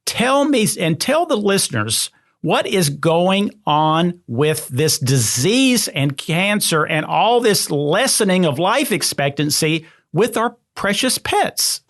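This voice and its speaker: A man's voice: high voice, big pitch swings, slow, a bit bright. A man hosting a podcast interview, talking in a rambling way with many fillers and restarts. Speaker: podcast host.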